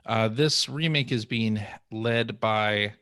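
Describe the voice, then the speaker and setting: A man's voice: lowish voice, slow, a bit bright, no echo, clean studio sound. A man hosting a podcast, reading out news items in casual chat. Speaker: podcast host.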